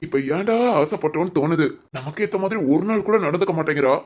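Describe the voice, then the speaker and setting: A woman voicing a dismissive young husband in a cartoon family drama, talking in a gruff, scolding way. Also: mid-range voice, fairly quick, close to an everyday voice. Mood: grumbling. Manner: gruff, scolding, self-pitying complaints.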